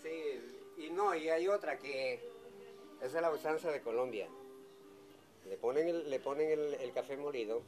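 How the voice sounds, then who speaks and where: A man's voice: on the high side, moderate pace. A man in his fifties from Ecuador, a café owner, explaining at length in casual chat, emphatic and repeating himself. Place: outdoor café patio. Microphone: far camera on a table. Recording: distant outdoor mic with music behind.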